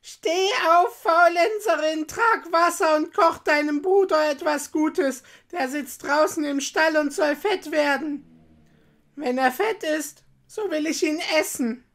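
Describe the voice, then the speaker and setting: A wicked old witch from a storybook, her voice pitched high and strained. She shouts and mocks in a shrill, harsh tone that sounds far from the reader's own. The delivery is slow and heavy with scorn. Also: full character voice. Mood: scolding. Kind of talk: storybook reading.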